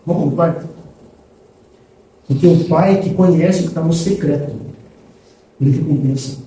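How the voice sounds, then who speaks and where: A man preaching a sermon in a church, animated and acting out dialogues between God and churchgoers. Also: fairly high pitch, normal speed. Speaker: pastor. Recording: echoey church hall from far off with background noise.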